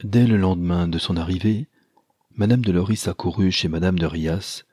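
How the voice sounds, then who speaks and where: A man reading a classic novel aloud as a narrator, measured and even. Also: deep voice, slightly rough, no echo, clean studio sound. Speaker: audiobook narrator. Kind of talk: scripted narration.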